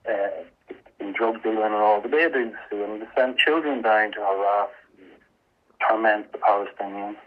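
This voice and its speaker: A man giving an earnest, halting, emotional personal account as a guest in a radio interview. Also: mid-range voice. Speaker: interview guest, activist volunteer. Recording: muffled, band-limited radio interview sound.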